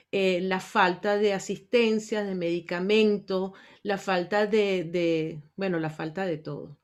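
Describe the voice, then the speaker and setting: A woman hosts an online astrology panel. She speaks in earnest, casual at an ordinary mid pitch and often stops to grope for words. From Venezuela. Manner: earnest, searching for words with frequent "este". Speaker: astrology show host.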